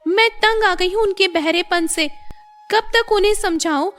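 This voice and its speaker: A woman's voice: very high-pitched, unhurried, a bit bright, voice pushed up. A woman voicing a fed-up, scheming young daughter-in-law in a cartoon story. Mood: complaining. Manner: complaining, sly.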